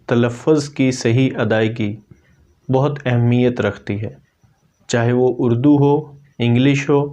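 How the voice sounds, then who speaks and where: A man teaching English pronunciation, slowly repeating each word so learners can copy it. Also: mid-range voice, a little mellow. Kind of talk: pronunciation lesson.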